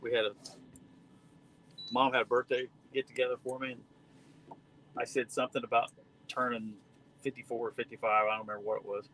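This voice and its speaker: A man's voice: mid-range voice, flat delivery, a little fast, pauses often, bright, forceful tone, slight background noise, low-quality recording. A man in his fifties chatting casually with fishing buddies on a boat. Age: 50s. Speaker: fishing partner. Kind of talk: casual chat.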